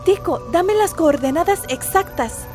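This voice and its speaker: Curious little girl, really high voice, kids show, music behind. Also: animated, a little slow. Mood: inquisitive, earnest. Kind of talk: scripted children's show dialogue.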